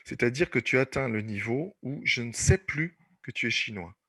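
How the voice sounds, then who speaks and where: A man's voice: medium pitch, expressive, moderate pace, pushed and bright, slightly rough, dry recording. A man teaching an online class, explaining patiently and repeating points with many fillers. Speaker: French teacher.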